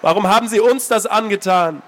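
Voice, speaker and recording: A man reading aloud and voicing a desperate young woman who shouts after her lost brother. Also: a little fast, natural voice. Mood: pleading. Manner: high, frantic shouting.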